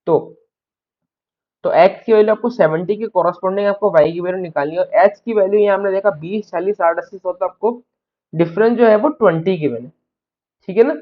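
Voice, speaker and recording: A man's voice: high voice, muffled recording. A man teaching a math lecture, explaining step by step and often checking in with his students. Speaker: maths tutor.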